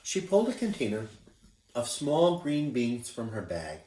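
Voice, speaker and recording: Man, teacher reading aloud, lively pitch, encouraging storyteller, echoey room. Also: measured pace, far from the mic. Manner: expressive, encouraging storyteller who shows pictures. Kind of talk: picture book read-aloud.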